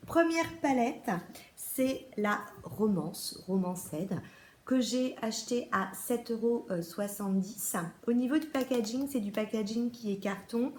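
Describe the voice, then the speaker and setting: A woman's voice: mid-range voice, a little mellow, a little hiss or hum. Chatty French woman in an echoey room. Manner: chatty, many fillers and restarts. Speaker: beauty vlogger. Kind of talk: casual haul video.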